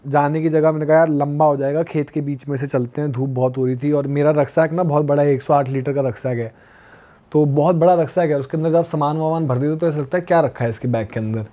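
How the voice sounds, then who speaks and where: A young man from Uttar Pradesh tells a story as a podcast guest, in a casual conversational way. His voice sits a little high but sounds soft and warm. He acts out the dialogue of the people in his story as he goes. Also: quick pace. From Uttar Pradesh, India. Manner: lively retelling that acts out quoted dialogue. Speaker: podcast guest, long-distance pilgrim walker.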